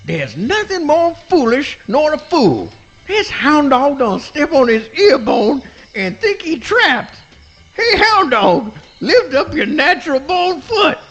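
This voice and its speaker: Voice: high-pitched, sing-song, slow pace, fairly bright tone, muffled recording, soft background music, exaggerated voice. An actor voicing a mild-mannered male possum in folksy swamp dialect with mangled grammar, in a live radio play. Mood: concerned.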